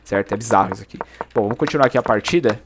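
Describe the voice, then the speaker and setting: A man's voice: on the low side, rapid-fire, noisy background. Slangy man breaking down a chess game. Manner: slangy, animated, exclaims over moves. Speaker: chess YouTuber. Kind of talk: game analysis commentary.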